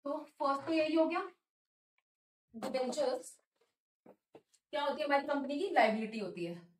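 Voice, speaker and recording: High-voiced woman teaching in an echoey room. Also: a little hiss or hum. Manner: asks questions then answers them, mixes English terms into Hindi; reads English definitions slowly. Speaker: commerce teacher. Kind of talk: classroom lecture. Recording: echoey room, a little distant.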